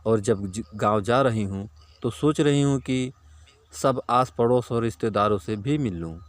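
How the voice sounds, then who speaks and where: A man voicing a sharp-tongued village wife who nags her husband. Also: medium pitch, measured pace, no echo, lightly acted. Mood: nagging. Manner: scolding, matter-of-fact.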